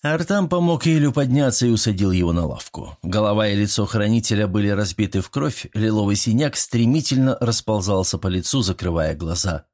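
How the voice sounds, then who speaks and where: Steady male audiobook narrator. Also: lowish voice, brisk, hardly any pauses. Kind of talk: scripted narration.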